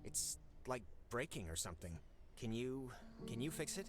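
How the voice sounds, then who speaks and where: Man playing anxious, pleading teenage boy, lively pitch. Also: lightly acted. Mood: puzzled, urgent. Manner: halting, pleading, repeats himself. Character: anxious, hopeful teenage boy grieving his mother. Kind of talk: naturalistic video game dialogue. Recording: loud music behind the voice.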